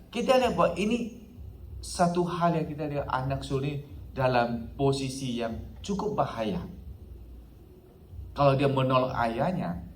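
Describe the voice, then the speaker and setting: A man's voice: fairly high pitch, darkish tone, slight background noise. A male pastor preaching a sermon, dropping English phrases into his talk and punctuating it with a frequent "ya". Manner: mixes English phrases into preaching, repeats "ya" often. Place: church hall. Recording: echoey hall, faint ambience.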